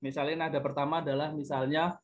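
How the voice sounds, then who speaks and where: A man's voice: on the high side, level tone, fast talker. Middle-aged male guest teacher, patient, sings example tunes. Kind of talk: online class lecture to children.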